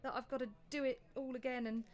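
Actress playing an uneasy young wife, high and halting, prone to stammers. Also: female voice, level tone, close to an everyday voice. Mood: anxious, confessional. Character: anxious young wife, newly married, uneasy. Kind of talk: audio drama acting.

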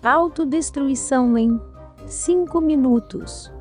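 A man imitates a half-robotic announcement system blaring over a building's speakers. The voice sits very high, stretches its words out slowly, and stays flat and mechanical throughout. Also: faint music behind. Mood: mechanical warning. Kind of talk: podcast chat with a put-on voice.

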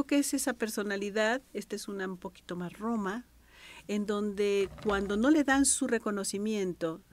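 A middle-aged Mexican woman, a thanatologist, teaching a radio workshop, swinging between soft whispered asides and bright exclamations. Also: medium pitch. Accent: Mexican Spanish.

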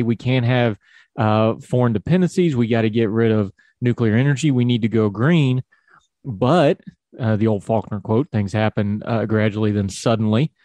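A man's voice: mid-range voice, a little mellow, dry recording. A man with an Appalachian hillbilly accent hosting a conversational interview in a folksy, informal manner. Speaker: talk show host.

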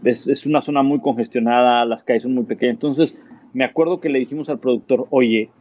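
A man's voice: medium pitch, fairly quick, dull audio. A man, a sports commentator telling stories in a casual interview, acting out quotes. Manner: animated anecdote-telling, acts out quotes.

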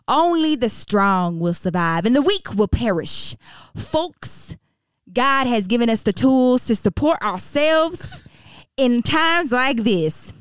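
A woman voicing a blunt, harsh male small-town mayor in a put-on Texan accent, lecturing slowly and sternly. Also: high voice, clean tone, dry recording, clean studio sound.

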